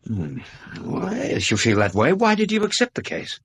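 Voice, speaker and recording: An actor playing an earnest Victorian gentleman doctor in a radio drama, speaking politely and questioningly with an English accent. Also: on the high side, wildly swooping pitch, moderate pace, creaky, husky, full character voice. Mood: concerned.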